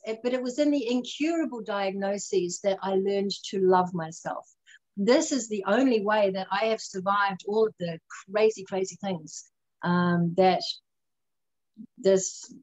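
A woman who is a radio interview guest, telling her own story earnestly and reflectively and slowing down on the lessons she wants to land. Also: medium pitch, darkish tone, poor audio. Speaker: guest speaker.

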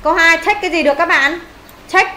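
A woman teacher with a Vietnamese accent, briskly drilling English vocabulary and pronunciation and repeating words for her students. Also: very high voice, pushed and bright, roomy sound, slight background noise, poor audio.

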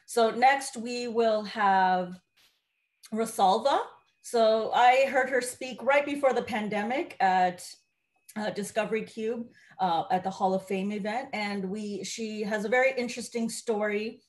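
A middle-aged woman moderating an online panel, introducing the next speaker with quick asides over a video call. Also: a little high, fairly even intonation.

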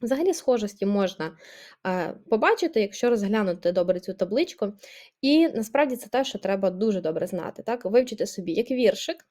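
A woman's voice: mid-range voice, mellow. Patient woman teaching a grammar lesson. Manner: patient, explanatory, checks in with "так?". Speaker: language teacher.

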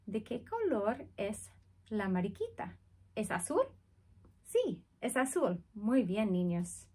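A woman teaching Spanish words to young children, counting and singing in a slow, sing-song way. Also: medium pitch, sing-song, a little mellow, slightly rough. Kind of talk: children's language lesson.

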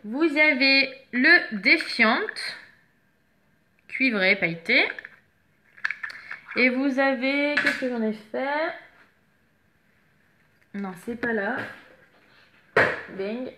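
A woman's voice: sits high, lively intonation, drawn-out words, pauses often, noisy background. A woman chatting casually as she shows makeup products one by one, stopping now and then to hunt for a missing item. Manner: chatty, searches for products while talking. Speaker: makeup seller presenting products.

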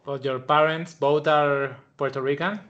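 Man in his thirties hosting by video call, slow and even-toned, halting questions, muffled audio. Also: on the high side. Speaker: podcast host. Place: small indoor room. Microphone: headset on video call.

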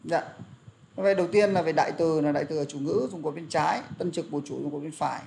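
A man's voice: on the high side, fast talker, gravelly, a little mellow. A young man teaching an English lesson, explaining pronunciation and drilling words aloud, with frequent fillers. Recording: faint background noise and clicks.

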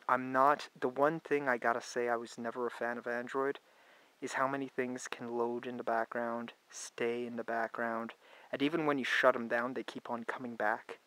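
A tech reviewer with a stuffed-up, congested voice walks casually through phone settings in a hands-on review, thinking aloud and often restarting his sentences. His medium-pitched voice is steady, bright and forceful at a moderate pace, though the recording quality is low.

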